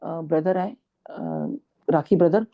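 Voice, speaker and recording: A woman's voice: low voice, wildly swooping pitch, takes it slowly. A middle-aged woman telling a devotional testimony to a congregation in an earnest, storytelling way, slipping English words into her speech. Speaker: satsang speaker sharing a testimony. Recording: dull lo-fi recording.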